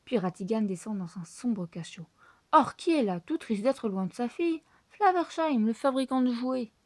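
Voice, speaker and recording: A woman reading a children's storybook aloud, lively and expressive in her delivery. Her voice sits somewhat high with a mellow, warm tone. The sound is dry and close. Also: normal speed, no room sound. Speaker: storybook reader.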